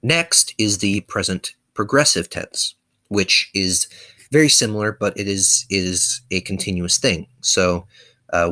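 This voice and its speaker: Bright-toned man teaching his conlang. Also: on the low side. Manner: explanatory, hesitant with frequent ums and self-corrections. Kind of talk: casual video lesson.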